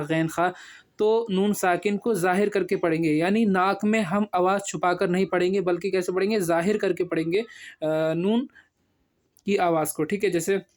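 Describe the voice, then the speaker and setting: A man teaching a reading lesson step by step. He patiently asks and answers his own questions and draws out each syllable slowly as he spells. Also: high-pitched.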